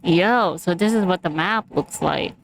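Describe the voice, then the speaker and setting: A woman's voice: on the low side, unhurried, creaky, a little hiss or hum, rough recording. A woman giving casual, chatty gameplay commentary, giggling and thinking aloud as she plays. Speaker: game streamer.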